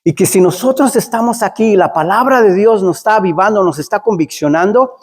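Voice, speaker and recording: In a church hall with long reverb, a man delivers a conversational, story-driven sermon, often asking "¿verdad?", meaning "right?". He speaks briskly in a high voice with a breathy edge.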